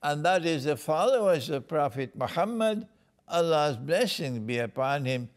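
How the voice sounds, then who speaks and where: A man from Trinidad giving slow, emphatic interview answers, repeating phrases like a preacher. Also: on the high side, lively intonation. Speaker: guest speaker.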